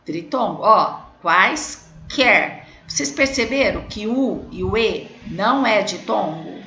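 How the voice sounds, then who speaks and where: A woman teacher with a Brazilian Portuguese accent, slowly correcting exercises in a video lesson for children and spelling out words patiently. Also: medium pitch, lively intonation, a bit bright. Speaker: primary school teacher. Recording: echoey room, dull lo-fi sound.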